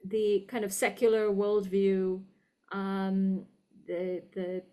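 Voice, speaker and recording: In a warm but monotone mid-range voice, a woman with an educated upper-class Indian English accent talks as a guest in an interview; she is a university professor. Her manner is reflective, articulate, deliberate and emphatic, punctuated by frequent "right?" check-ins.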